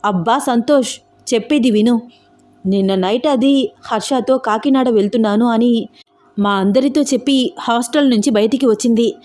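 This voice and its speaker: A woman's voice: mid-range voice, moderate pace, pauses often, mellow, close to an everyday voice. A woman voicing an outspoken, protective young woman in a storybook romance, pressing her questions indignantly. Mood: agitated.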